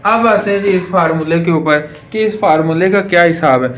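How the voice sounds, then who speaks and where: Man teaching math at a board, slightly high voice, patient step-by-step explaining, echoey room, faint hiss. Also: brisk. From Pakistan. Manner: patient, step-by-step, asks rhetorical questions. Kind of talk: board lecture solving exercises.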